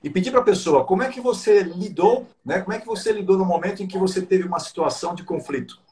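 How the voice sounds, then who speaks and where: A man's voice: high-pitched, expressive, quick pace, dark tone. A Brazilian man, a business coach guesting on a live online talk, explaining points with frequent tag questions.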